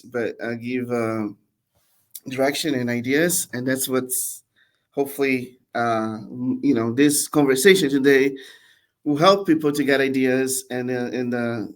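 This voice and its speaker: A man in his forties from Brazil, a podcast guest telling his story in a relaxed, chatty way with frequent restarts and laughs. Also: mid-range voice, unhurried. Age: 40s. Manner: warm, laughing, many restarts and repeated words. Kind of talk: casual storytelling interview.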